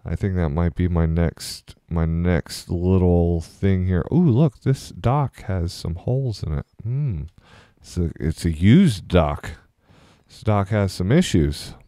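Let's Play host, young man, deep and dry, meandering easygoing chatter. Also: slow, warm tone, no echo. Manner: chatty, meandering, easily distracted. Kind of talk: casual gameplay commentary.

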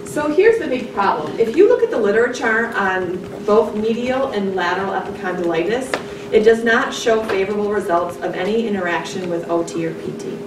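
A woman's voice: medium pitch, expressive, fairly quick. Lecturing woman heard from a distant camera. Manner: conversational, asks the class "right?" often. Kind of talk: classroom lecture. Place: large darkened lecture room. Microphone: distant camera in the audience. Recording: echoey room, voice from far off, noisy.

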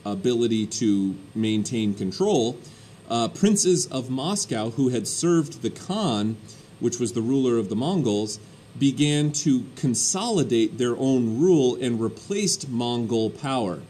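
A male history teacher giving a recorded lecture in a conversational way, often pausing with ums and uhs. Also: mid-range voice, lively intonation, mellow, a little hiss or hum.

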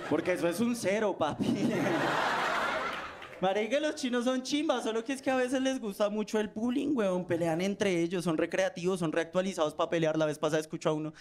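A man's voice: high voice, fairly quick. A man with a Colombian accent doing a live stand-up set, telling slangy stories and acting out voices. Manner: slangy storytelling with acted-out voices. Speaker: stand-up comedian. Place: comedy stage with a live audience. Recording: live stage recording with crowd laughter and noise.

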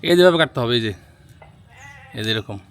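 A young father, talking gently and patiently to his child in a casual family vlog, recorded on a handheld phone in an outdoor rooftop garden. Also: mid-range voice, animated, a little fast. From Bangladesh. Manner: gentle, coaxing, patiently instructive. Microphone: handheld phone camera.

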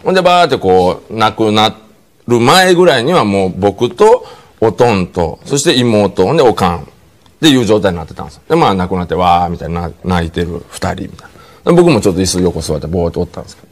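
A middle-aged man with a Kansai accent telling a comic story, acting out lines and dropping to hushed tones. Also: low voice, fast talker. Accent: Kansai Japanese. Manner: animated, acts out quoted lines, drops to hushed tones. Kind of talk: comic storytelling on a TV panel show. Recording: studio audience laughter.

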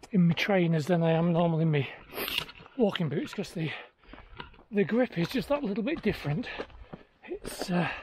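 Middle-aged male vlogger, high lively voice, talking casually while running, noisy outdoor handheld recording. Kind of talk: casual vlog narration to camera. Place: outdoors on an open mountainside. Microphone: handheld action camera at arm's length.

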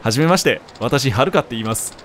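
A man voicing a shy, polite teenage girl idol who stammers softly, reading along while playing. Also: mid-range voice, lively intonation, quick pace, a little hiss or hum, natural voice. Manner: soft, polite, hesitant stammer.

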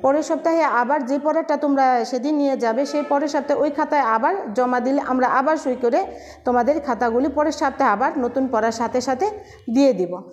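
High-voiced Bangladeshi woman teaching. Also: darkish tone. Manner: slow, patient, spells words out letter by letter. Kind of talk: recorded online class lesson.

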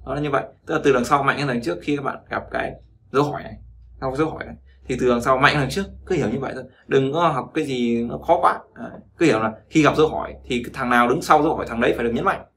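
A man's voice: mid-range voice, rapid-fire, a bit bright, a little hiss or hum. A man teaching Chinese pronunciation, repeating words after a recording and explaining them. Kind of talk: pronunciation lesson.

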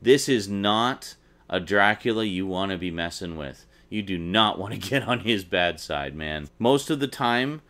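A man with a fairly low voice talks through a film review. His delivery is casual and enthusiastic. He keeps it loose and chatty, with plenty of fillers. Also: expressive, a little slow, a bit bright. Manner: enthusiastic, conversational, with many filler words.

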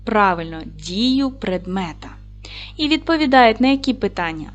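A woman gives a video lesson to young schoolchildren. Her pitch moves a lot, and she speaks clearly and slowly with encouraging praise. Faint music plays underneath. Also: expressive, muffled recording. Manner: clear, slow, encouraging classroom delivery. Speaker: primary school teacher.

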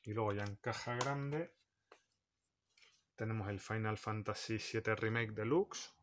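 Chatty man, low voice. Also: steady tone, measured pace, slight background noise. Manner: chatty, listing titles one by one. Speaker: game collector vlogger. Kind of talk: casual vlog showing a game collection.

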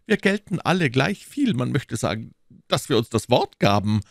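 A vain, affected young musketeer with poetic airs, read aloud by a man. His voice is pitched high above the reader's own and swoops about with lively flourishes. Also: moderate pace, creaky, no room sound, clean studio sound. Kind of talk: audiobook character reading.

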